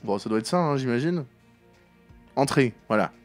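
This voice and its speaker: A man's voice: mid-range voice, expressive, moderate pace, faint music behind. A man streaming a game live, chatting casually with playful jokes. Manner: joking, playful. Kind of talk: casual live gaming commentary.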